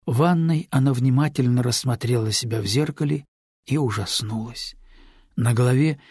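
A man narrating an audiobook in a steady, even storytelling manner. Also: medium pitch, moderate pace, breathy edge, no room sound, studio quality. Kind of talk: scripted narration.

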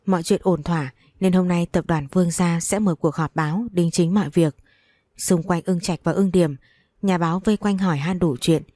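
A woman reads a long story aloud in a steady storytelling manner. Her voice is low and mellow, and the recording is dry and close. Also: normal speed, dry recording. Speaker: narrator. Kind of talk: audiobook story reading.

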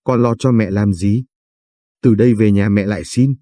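A man reading a gentle old village mother. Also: lowish voice, steady tone, normal speed, no room sound, clean studio sound, natural voice. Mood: tender.

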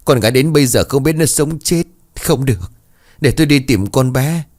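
A man's voice: mid-range voice, expressive, normal speed, a little mellow, pitched above the performer's own voice, lightly acted. A man voicing a distraught middle-aged mother who pleads and wails for her missing daughter, in a storybook reading. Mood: frantic. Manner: wailing, insistent pleading.

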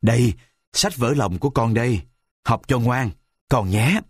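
A man voicing a kind, poor old woodcarver father in a storybook reading, speaking in a gentle, mumbling fatherly way. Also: mid-range voice, lively intonation, a little slow, breathy edge, dry recording, studio quality. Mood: fond.

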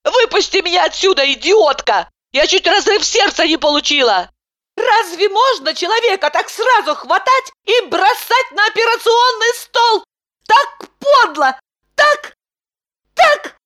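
Female reader doing a shrieking, outraged young woman; high and lively, dull dry audiobook sound. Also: unhurried, no echo, heavily acted. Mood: indignant. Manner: shrill, yelling. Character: excitable indignant young woman, loud and furious.

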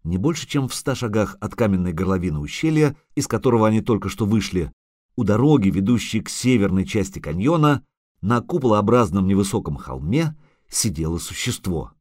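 A man narrating a fantasy audiobook in an expressive, measured storytelling manner. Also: lowish voice, no room sound, clean studio sound.

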